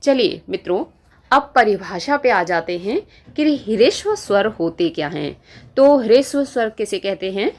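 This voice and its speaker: Slow, patient Hindi grammar teacher, woman. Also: medium pitch, lively intonation. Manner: slow, repetitive explaining with frequent rhetorical questions. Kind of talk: classroom grammar lesson.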